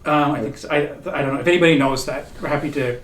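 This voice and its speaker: Another middle-aged co-host, sitting at a table in the wood-panelled cabin, chats casually, spinning stories and laughing frequently. His fairly high, bright voice races along, captured in a roomy, distant recording with slight hiss.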